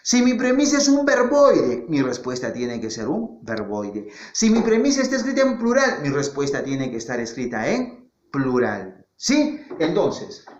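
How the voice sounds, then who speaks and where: Man teaching, lively and echoey. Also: on the high side, a little slow. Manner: asks rhetorical questions and answers them himself; repeats key words for emphasis. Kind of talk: classroom lesson. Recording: echoey, dull lo-fi classroom recording.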